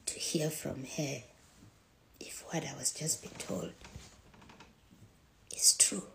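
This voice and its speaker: A middle-aged woman telling a personal story in a soft, hushed voice that often drops to a near whisper. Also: low-pitched, steady tone, takes it slowly, creaky, rough recording.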